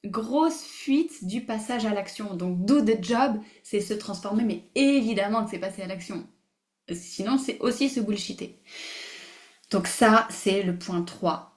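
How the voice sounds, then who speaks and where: A woman hosting a live online masterclass, animated and emphatic, repeating phrases, mixing in English words and laughing often. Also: medium pitch, a little slow. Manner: mixes English words into her speech. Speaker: masterclass host. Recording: roomy echo.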